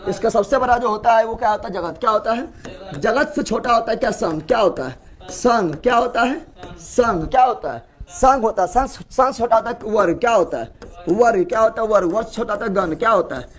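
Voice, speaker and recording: A man teaches a class, his voice pitched well above most men's. He drills students by asking the same question again and again and answering it himself. Some lines come from farther off the mic and sound faint. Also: animated, fairly quick. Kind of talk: classroom lecture with call-and-response.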